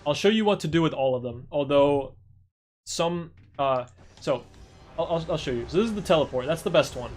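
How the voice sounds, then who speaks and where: Faint music plays behind a speedrunner streamer who walks through a gameplay speedrun tutorial in a casual, rambling way. His fairly high voice is animated and brisk, though he sounds tired, and he's chatty and keeps correcting himself.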